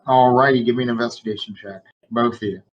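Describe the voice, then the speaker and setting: A man running a tabletop game as game master, slowly describing rooms and calling for dice checks. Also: medium pitch, steady tone, dull audio, slight background noise. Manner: slow, descriptive scene-setting with small restarts.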